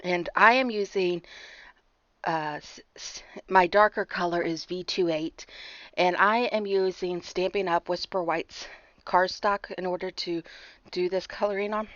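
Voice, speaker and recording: A woman narrating a card-making tutorial over her footage in a chatty way. She sounds a bit hoarse, clears her throat, and talks through each step with fillers and apologies. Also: fairly low pitch, steady tone, a little slow, a bit bright, dry recording, muffled recording.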